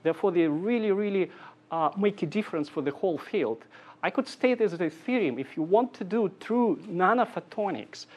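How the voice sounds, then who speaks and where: A man from Siberia, giving an academic engineering lecture in thoughtful, halting phrases with dry humor. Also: high voice, expressive, a little mellow. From Siberia, Russia.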